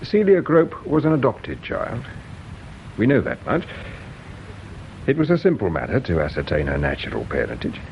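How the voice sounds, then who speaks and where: An actor playing a patient provincial police inspector who questions people gently and measuredly in a radio drama. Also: male voice, lowish voice, wildly swooping pitch, creaky, a little hiss or hum, heavily acted. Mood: probing. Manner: measured, gently probing, hesitates with "uh". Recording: dull lo-fi radio recording.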